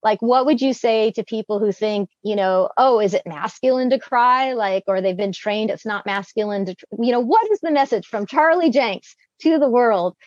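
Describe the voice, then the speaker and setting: A woman interviewer asking reflective questions in measured, thoughtful phrasing. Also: medium pitch, darkish tone, no echo. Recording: dry, slightly muffled recording.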